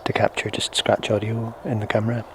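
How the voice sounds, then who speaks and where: In a fairly quick monotone, a man works through a laid-back, hesitant product demonstration, reasoning aloud about the gear under review. Sound is captured by a small shotgun mic on the camera through a recorder, leaving noise and a low rumble.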